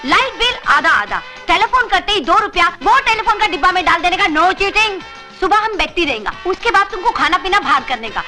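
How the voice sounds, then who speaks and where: A bossy, shrill landlady. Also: very animated, music in the background. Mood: scolding. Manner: bossy, lays down rules in a rapid scolding stream. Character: bossy, strict middle-aged landlady.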